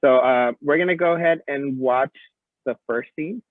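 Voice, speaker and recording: A male teacher runs an online class and politely thanks students for their feedback. His mid-range voice moves at a moderate pace with no room sound, but the phone-like computer mic makes it muffled, as if heard through a wall or underwater.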